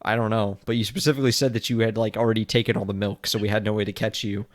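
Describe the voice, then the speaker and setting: A man's voice: on the low side, fairly even intonation, rapid-fire. A man co-hosting a podcast in casual chat, hesitant, repeating his words and laughing often. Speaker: podcast co-host.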